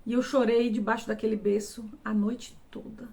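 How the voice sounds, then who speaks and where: An adult Brazilian woman giving a personal testimony, halting and emotional, often repeating words. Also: on the high side, flat delivery, gravelly, a little mellow. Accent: Brazilian Portuguese. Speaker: vlogger.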